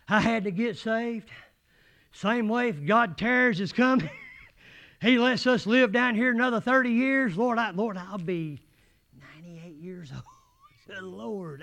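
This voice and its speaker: High gravelly preacher in his eighties. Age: 80s. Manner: folksy, rising to shouted fervor. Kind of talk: sermon. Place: church.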